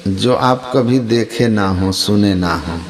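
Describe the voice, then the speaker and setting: A man who is a spiritual teacher, answering questions in a measured, explanatory way. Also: lowish voice, a crowd in the background. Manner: measured, explanatory, drawn-out phrases. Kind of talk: spiritual discourse, explaining calmly.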